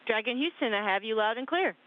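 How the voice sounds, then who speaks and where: A woman speaks as a mission control communicator over a radio loop. Her voice is slightly high, the audio a little dull, and her wording procedural. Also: animated, quick pace. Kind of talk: procedural radio calls to astronauts.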